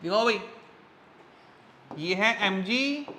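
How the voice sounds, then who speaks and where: Male teacher, bright high voice, keeps firing questions at the class in a classroom with faint noise behind. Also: lively intonation. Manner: quizzes students constantly, coaxing and brisk. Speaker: physics teacher. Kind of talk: classroom lecture.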